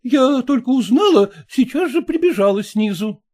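A man's voice: extremely high pitch, expressive, normal speed, darkish tone. A man voicing a scolding, fussy middle-aged mother, reading a story aloud in a nagging tone. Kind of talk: audiobook character voice.

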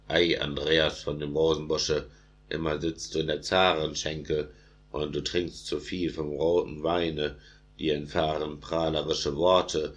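Man reading a stern, very deep tsar. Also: little pitch movement, unhurried. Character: great orthodox tsar, stern older man.

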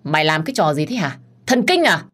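A woman's voice: on the low side, animated, a little fast, natural voice. Woman doing a contemptuous angry husband, harsh delivery.

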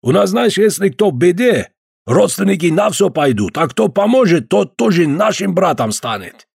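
Man doing a pushy Georgian uncle, effusive and loud. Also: sits high, very animated, normal speed, vocal fry, slightly rough, no echo, clean studio sound, voice pushed up, full character voice. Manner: effusive, calls everyone "dear". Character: Georgian man, pushy, smooth then threatening.

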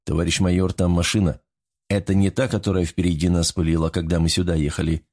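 A man's voice: low-pitched, flat delivery, fast, darkish tone. A man doing a dutiful young soldier reporting. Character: young male soldier reporting to his major.

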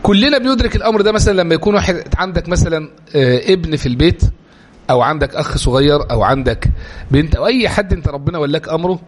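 Egyptian man, religious lecturer, rapid delivery, slightly raised pitch, keeps firing rhetorical questions at his class. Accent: Egyptian Arabic. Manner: animated, rhetorical questions, explanatory.

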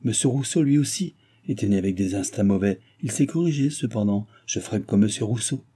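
A man's voice: on the low side, animated, fairly quick, warm tone, slightly rough. A man playing a cold, arrogant young man who lectures with disdain in a read-aloud novel.

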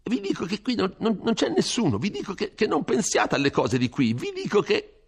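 A frantic old country priest. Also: male voice, huge pitch swings, brisk, creaky, slightly rough, heavily acted. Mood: flustered. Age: older. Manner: fretful, stammering, high and agitated. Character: frightened fussy old male village priest. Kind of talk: audiobook character reading.

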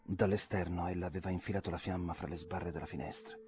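A man reading a classic novel aloud, with a measured and expressive delivery. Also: deep voice. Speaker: reader. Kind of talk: audiobook narration.

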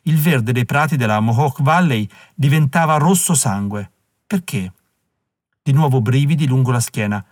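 A man reading an audiobook in a measured, even scripted narration, recorded on a close mic. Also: mid-range voice, dry recording.

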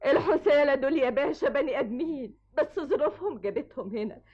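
A woman's voice: high-pitched, animated, fast talker. An actress playing a defiant, bitter young orphan girl with an Egyptian accent, accusing her father in an old radio drama. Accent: Egyptian Arabic. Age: young adult. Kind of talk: 1970s radio drama acting. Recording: dull old radio recording.

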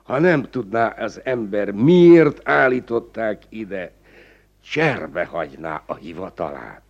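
Pompous radio-play magistrate, gravel in the voice, somewhat high, lively swings. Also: male voice, dull audio, full character voice. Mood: weary, self-pitying. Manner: pompous, blustering, flares into shouting. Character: pompous, self-important small-town magistrate, man. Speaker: village magistrate. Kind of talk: 1950s radio play acting.

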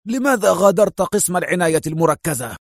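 Brief: man voicing a brusque senior spy chief, slightly raised, clipped and forceful. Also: on the high side, sing-song, moderate pace, no room sound, clean studio sound. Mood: stern. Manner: sharp, forceful, indignant. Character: stern older male intelligence director. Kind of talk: audiobook character voice.

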